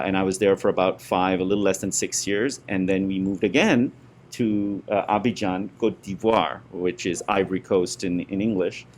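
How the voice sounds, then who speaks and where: A middle-aged man from India, a guest being interviewed, talking warmly with many fillers and restarts. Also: sits low, slight background noise. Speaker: guest, school parent and former board member. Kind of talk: conversational interview.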